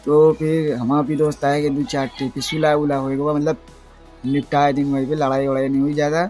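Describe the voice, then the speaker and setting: A young man with a tells a rambling school anecdote for his vlog, acting out what others said. His voice sits a little high, and faint music plays underneath. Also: a little fast. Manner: rambling, animated retelling with acted-out quotes. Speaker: vlogger. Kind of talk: casual storytelling vlog.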